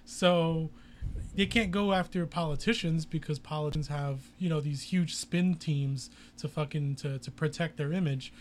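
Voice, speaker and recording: A man talking loosely in a casual conversation, his voice sitting slightly high. He circles around his points with restarts and frequent cursing. Faint noise sits behind him. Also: normal speed. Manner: rambling, profane, hesitant restarts. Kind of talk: casual chat.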